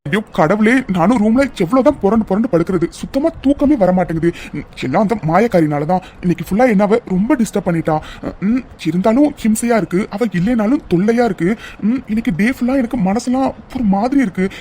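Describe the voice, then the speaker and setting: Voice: expressive, quick pace, warm tone, close to an everyday voice. A performer voicing a brooding young cartoon hero. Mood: restless. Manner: muttering self-talk, low and reassuring. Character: young man, brooding hero, restless and caring.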